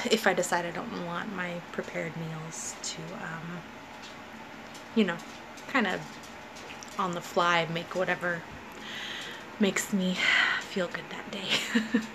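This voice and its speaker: Chatty 30s woman in her kitchen, kinda gravelly, lots of ums, noisy background. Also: fairly low pitch. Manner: chatty, many ums, laughs easily. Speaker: food vlogger. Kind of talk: casual kitchen walkthrough. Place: home kitchen, indoors. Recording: noisy home recording.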